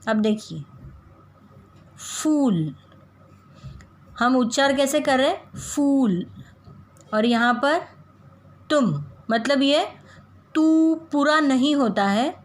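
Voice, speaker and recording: A woman teaching young children a Hindi lesson, saying example words slowly and deliberately so they can repeat after her. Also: high-pitched. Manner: slow, carefully drawn-out pronunciation of example words. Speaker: primary school Hindi teacher.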